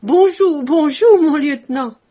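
A woman voicing a huge, jovial male ex-soldier who shouts in broken French and roars with laughter, on a dull lo-fi recording. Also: high voice, measured pace, voice pushed up. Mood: exuberant.

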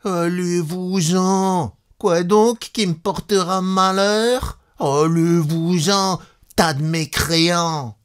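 A hard, bitter countrywoman of about forty, put on by a male reader whines in a teary falsetto, her voice pitched far above his own. She drags her words out slowly and they come out smooth and clear. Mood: furious. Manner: whining falsetto turning to shouting. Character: coarse, bitter peasant woman around forty. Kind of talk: dramatic reading.

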